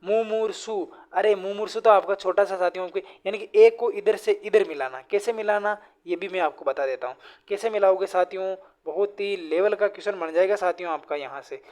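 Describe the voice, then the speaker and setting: A man's voice: high voice, fairly quick, hardly any pauses, a little mellow. A male teacher runs an exam-prep grammar lesson. He fires repeated rhetorical questions at the students and calls them friends again and again. His tone stays that of a classroom drill. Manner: drills correct and incorrect word forms.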